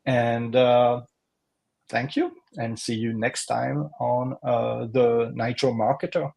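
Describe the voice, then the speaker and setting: Husky-voiced man hosting a marketing webinar. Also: medium pitch, little pitch movement, slow pace, darkish tone. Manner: earnest, frequent uh fillers, slight non-native phrasing. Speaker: webinar co-host, marketing consultant. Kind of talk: live webinar presentation.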